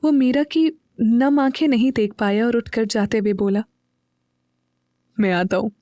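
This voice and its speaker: A woman narrating a romance audio story with a steady storytelling delivery. Her voice is mellow and warm, and it is recorded dry and close. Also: on the high side, moderate pace, dry recording, highs cut off. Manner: steady storytelling, voicing every character.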